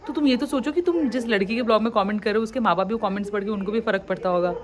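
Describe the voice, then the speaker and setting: Against a noisy background, this young Uttarakhandi woman in her twenties races along in a mid-range voice. The vlogger is openly airing her frustrations to viewers on camera, slipping English phrases in as she goes.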